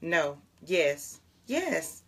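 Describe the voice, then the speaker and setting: A young woman pastor from Jackson, Mississippi, speaks in a low, slightly rough voice with big pitch swings and drawn-out words. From her home closet, she chats casually with viewers on a morning livestream and prays, laughing often and calling them y'all.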